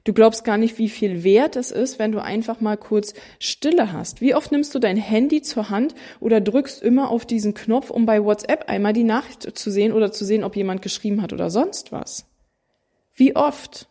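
A mother of three in her thirties talking straight to viewers, animated and emphatic, acting out what others say. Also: medium pitch, fairly quick, hardly any pauses. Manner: animated, emphatic, acts out quotes. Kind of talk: casual talking to camera.

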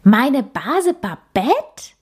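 A woman's voice: mid-range voice, very animated, slow, warm tone, breathy edge, heavily acted. A woman voicing a helpful, plain-spoken heroine. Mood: surprised. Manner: surprised, eager questioning. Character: helpful, down-to-earth young woman. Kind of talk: storybook reading.

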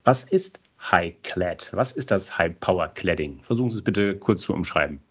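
A man hosting a podcast with a fairly low voice that rises and falls a lot. He reads a scripted introduction in an animated way, slips in puns, and moves briskly on to his questions. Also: slightly rough. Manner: animated, playful wordplay. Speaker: podcast host.

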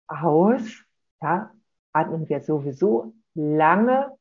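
A parenting coach giving a calm, explanatory talk to parents and often checking in with a short "ja?". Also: mid-range voice. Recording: dull lo-fi recording.

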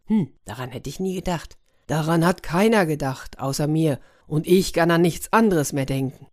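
A woman's voice: low voice, moderate pace, darkish tone, close to an everyday voice. Woman doing a sarcastic, cursed talking turtle. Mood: grumpy. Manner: irritable, sarcastic. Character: grumpy enchanted man in a turtle body.

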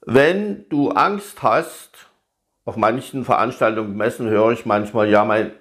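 Speaking straight to students, this study-abroad advisor runs an advice podcast and talks them through things conversationally. His pitch is medium.

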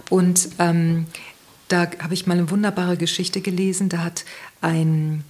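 A woman guest in a conversational interview, giving parenting advice in a thoughtful, gently explaining way and searching for words as she goes. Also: lowish voice, flat delivery, unhurried.

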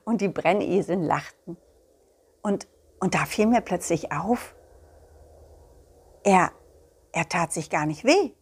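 A woman's voice: lowish voice, breathy edge. A woman telling a children's story in the first person, playful and giggly. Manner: playful, slow, giggles between lines.

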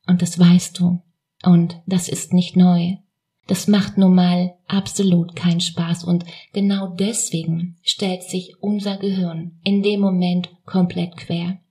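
A woman giving a motivational self-help talk, speaking informally and directly to the listener with gentle encouragement and reflective questions. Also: mid-range voice. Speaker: self-help coach and host.

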